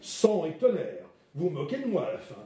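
Huffy, scornful older painter, read by a male lecturer; animated, recorded from afar in a roomy hall. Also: a little high, moderate pace. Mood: indignant. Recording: roomy hall, mic far off.

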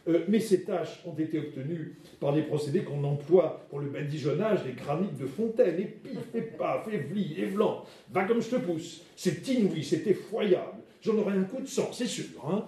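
A man reading aloud the part of an excitable, scornful older male academic painter, with huffing exclamations. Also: fairly high pitch, normal speed, few pauses, close to an everyday voice. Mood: indignant. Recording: roomy hall, mic far off.

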